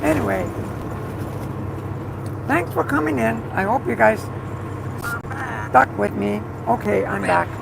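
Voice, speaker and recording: A woman with a rough, pushed voice and a Texan-like twang, chatting excitedly and rambling on a casual livestream while driving. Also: on the high side, slow pace, pauses often. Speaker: truck driver livestreamer. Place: inside a moving truck cab. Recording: loud vehicle and road noise. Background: engine and road noise.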